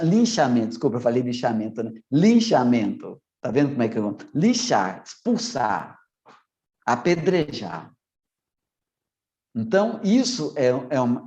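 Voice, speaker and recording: Fast-talking Minas Gerais priest, muffled. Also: male voice, mid-range voice, sing-song, darkish tone. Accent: Minas Gerais Brazilian Portuguese. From Minas Gerais, Brazil. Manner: fast, slightly anxious delivery that swallows syllables and trips over words. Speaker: priest and theology professor giving a formation talk. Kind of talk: lecture to religious formators. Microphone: video call.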